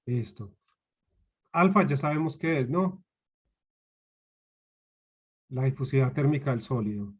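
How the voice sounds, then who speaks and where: A man's voice: mid-range voice, animated, a little slow, long pauses, slightly rough, highs cut off. A man with a Colombian Spanish accent giving a university lecture over a video call, patiently repeating key points and asking his students questions. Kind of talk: online class lecture.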